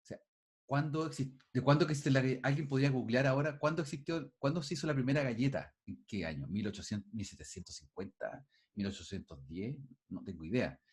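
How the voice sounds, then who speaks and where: A man's voice: medium pitch, expressive, brisk. A male teacher giving an online class over a video call, thinking aloud with frequent restarts and putting questions to his students.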